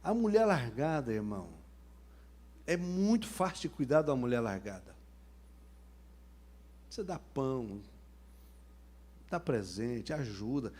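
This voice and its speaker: Husky pastor joking through a sermon. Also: male voice, medium pitch, very animated, a little slow, pauses often, a little mellow. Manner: humorous, colloquial storytelling.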